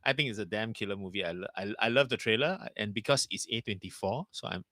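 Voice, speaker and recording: A man's voice: fairly low pitch, fast, sharp tone, no echo, studio quality. A Singaporean man co-hosting a casual live stream, talking in colloquial Singlish with particles at the ends of sentences. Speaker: co-host of a horror live stream.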